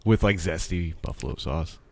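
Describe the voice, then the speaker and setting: A man's voice: low-pitched, lively intonation, normal speed, vocal fry, a little mellow, no echo. A man co-hosting a podcast, laid-back and mumbling in casual banter. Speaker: podcast co-host.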